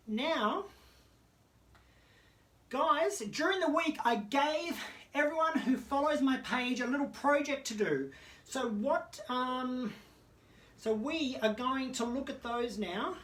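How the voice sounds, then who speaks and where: The host of an online children's story time, a gushy lady with a high, fairly bright voice, does a theatrical show and tell for her viewers. She calls them darlings as she chats, and disco music plays behind her.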